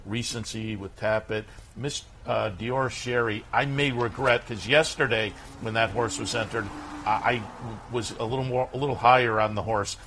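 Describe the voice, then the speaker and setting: A man's voice: on the low side, fairly bright tone, a little hiss or hum. A man hosting a racing show, talking conversationally through race previews and his own picks. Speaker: racing show host and handicapper.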